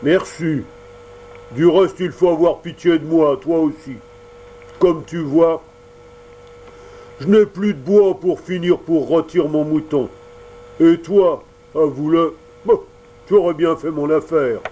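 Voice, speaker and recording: A man voicing a gruff, bearded male puppet-show boss who booms his words and breaks into sneezing fits in a storybook reading. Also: takes it slowly, long pauses, dark tone, slight background noise.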